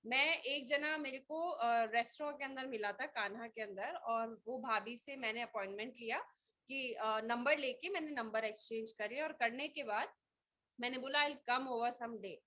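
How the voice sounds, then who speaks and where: A woman giving a motivational team training talk, energetic and rallying, telling stories with quoted dialogue. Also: a little high, normal speed. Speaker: team trainer for a direct-selling business.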